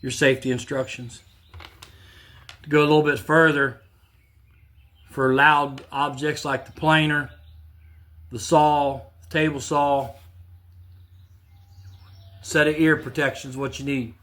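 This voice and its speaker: A fairly high-pitched man hosts a woodworking channel, speaking slowly with long pauses as he casually demonstrates in his home shop. He keeps things plainspoken, repeating himself and restarting sentences without fuss.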